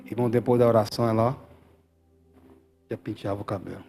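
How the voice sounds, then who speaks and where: A male pastor with a Brazilian Portuguese accent preaching a fervent sermon in a church, swinging from quiet talk to loud calls and asking for amens. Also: fairly low pitch, fairly even intonation, quick pace, gravelly, faint music behind. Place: church hall.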